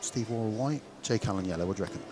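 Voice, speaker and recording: A man's voice: fairly low pitch, rapid-fire, a little mellow, soft background music. A man with an English West Country accent giving chatty, informal live speedway commentary, thinking aloud as he goes. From West Country, England. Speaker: speedway commentator and stream host. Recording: crowd noise at outdoor venue. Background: speedway stadium crowd.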